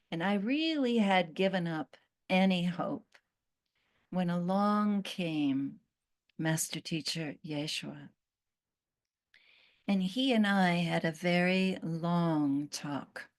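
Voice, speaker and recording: A woman channeling a once-cursed fig tree spirit, speaking in a slow, earnest storytelling manner with long pauses. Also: on the low side.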